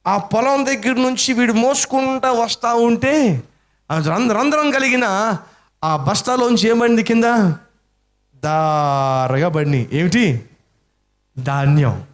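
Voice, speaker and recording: భావోద్వేగంగా కథ చెప్పే బోధకుడు. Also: male voice, sits high, lively intonation, takes it slowly, long pauses. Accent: Telugu-speaking Indian. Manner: dramatic storytelling, acting out voices, rhetorical questions to the congregation. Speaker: preacher. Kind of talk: sermon with storytelling.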